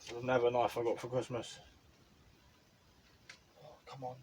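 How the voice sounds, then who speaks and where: A British man from the United Kingdom, a vlogger and amateur radio hobbyist, chats casually to camera from inside a small motorhome. His voice is mid-range and level at a moderate pace, against a noisy background.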